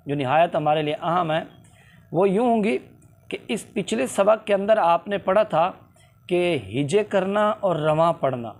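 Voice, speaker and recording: A man gives a tajweed lesson, teaching recitation. His voice sits high, and he talks unhurriedly. He draws out each letter sound so learners can hear the difference. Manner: slow and explanatory, drawing out letter sounds to demonstrate.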